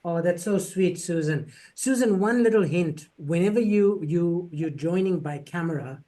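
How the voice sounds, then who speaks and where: A man's voice: high voice, moderate pace, warm tone. A man hosting an online info session, talking casually and joking, often repeating words as he goes. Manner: chatty, jokey, repeats words. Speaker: program faculty host. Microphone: video call.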